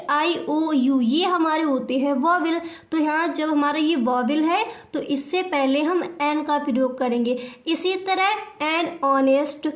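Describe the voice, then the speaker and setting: A woman's voice: high voice, echoey room. A woman explaining grammar to students, patiently asking questions and answering them herself. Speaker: English grammar teacher. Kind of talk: classroom explanation.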